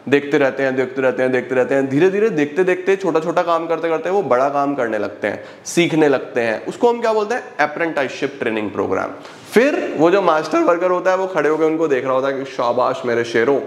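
Animated male teacher in an echoey room. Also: a little high. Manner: lively, repetitive teaching with rhetorical questions; slows right down to dictate English definitions. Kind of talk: exam-revision lecture.

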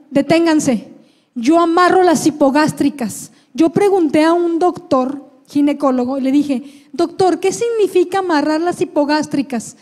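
A woman's voice: high voice, mellow. A woman telling her personal testimony in a fervent, heartfelt way, often addressing her listener as brother and breaking into prayer. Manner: fervent, prays aloud, addresses listener as "hermano". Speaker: guest giving testimony.

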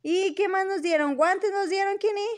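A Mexican woman hosting gameplay for small children in a bright, squeaky, sing-song manner. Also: moderate pace, a crowd in the background. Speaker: host of a children's gaming channel.

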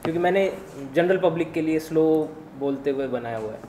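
Brisk young man advising students in an echoey room. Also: a little high, mellow, slight background noise. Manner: brisk, mixes English phrases into instructions, checks in with "right?". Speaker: exam topper giving study advice. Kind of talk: informal advice talk to students. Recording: echoey classroom with faint ambience.

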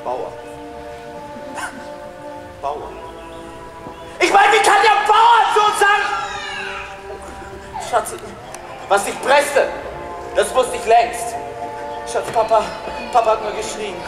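A woman's voice: mid-range voice, animated, takes it slowly, long pauses, reverberant, in a large hall, music in the background. A woman playing a middle-aged farmer's wife in an amateur reading of a verse play, coaxing and affectionate with joking asides. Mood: urging. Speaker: amateur actor. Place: room at home.

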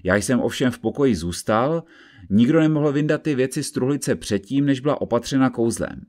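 A man voicing a stern, agitated judge who speaks in an insistent, forceful way in an audiobook reading. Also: mid-range voice, expressive, voice pushed up, close to an everyday voice. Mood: firm.

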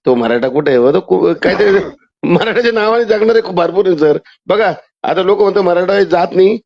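Through muffled phone audio, a man from Maharashtra, India, argues as a caller, talking insistently and cutting over whoever he's speaking with. His high-pitched, expressive voice moves a little fast and carries vocal fry.

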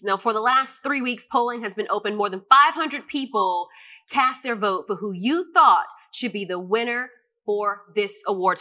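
A woman co-hosting an arts awards show, announcing nominees and reading their bios. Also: a little high. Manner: bright, announcing.

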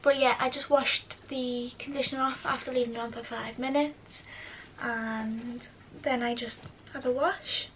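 Chatty young girl doing a how-to at home, high voice, camera a bit far off, faint noise outside. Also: fairly even intonation, measured pace, fairly bright tone. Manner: chatty, talks viewers through each step. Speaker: beauty vlogger. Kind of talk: casual how-to chat to camera. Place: at home, indoors.

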